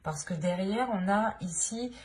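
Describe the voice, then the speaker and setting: A French-accented woman reads tarot cards to camera, speaking hesitantly, with many fillers and restarts as she hunts for her words. Her medium-pitched voice is a little slow and a little mellow, with a faint hiss or hum on the recording.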